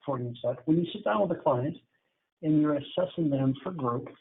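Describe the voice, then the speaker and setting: A man's voice: a little high, expressive, normal speed, slightly rough. A middle-aged man, a therapist, giving a candid, conversational webinar lecture on addiction treatment. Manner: candid, conversational, acts out client dialogues. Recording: tinny phone-like webinar audio.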